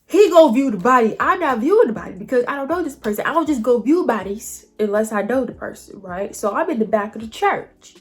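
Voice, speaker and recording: A woman vlogger telling a story straight to her viewers in an animated, colloquial way. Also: on the high side, fairly quick, hardly any pauses. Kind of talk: casual storytelling to camera.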